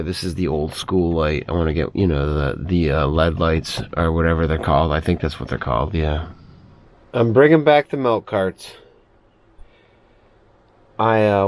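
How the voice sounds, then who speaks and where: A man chatting casually and thinking aloud as he vlogs about chores inside a small RV trailer. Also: low-pitched. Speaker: vlogger. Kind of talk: casual vlog chat, narrating chores.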